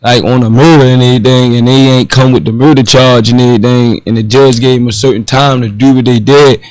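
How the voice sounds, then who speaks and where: A man in his twenties with a Baltimore accent, a guest answering slowly and haltingly, full of fillers. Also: mid-range voice, steady tone, darkish tone, dry recording, low-quality recording. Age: 20s. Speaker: guest rapper. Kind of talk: casual interview chat.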